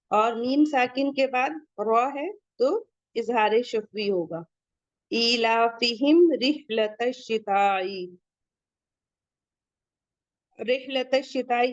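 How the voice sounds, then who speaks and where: A woman teacher works through a tajweed lesson at an unhurried, slow pace, her voice sitting a little high. She explains each rule patiently, then recites the word slowly, and stops now and then to quiz her students. The sound is close and dry, a bit dull, like a lo-fi online class. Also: no room sound. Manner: asks students questions and checks their answers.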